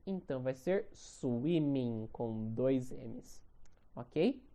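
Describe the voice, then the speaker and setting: A man with a Brazilian Portuguese accent teaching an English grammar lesson online, often checking in with quick questions and slowing down to spell out examples. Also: on the high side, warm tone.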